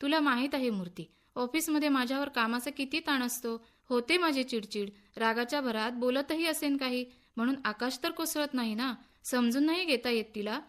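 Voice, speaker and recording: Short-tempered young husband, griping and scolding, read by a woman in a high voice for a radio story. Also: fairly bright tone. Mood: aggrieved. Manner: complaining, quick to anger. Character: irritable, egotistic young husband.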